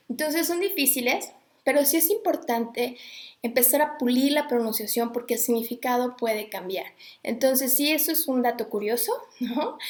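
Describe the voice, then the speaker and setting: A woman's voice: on the high side, echoey room. A woman talking casually to viewers, chatty and digressive, stopping to greet people as she goes. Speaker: host. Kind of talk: casual live talk on Sanskrit recitation.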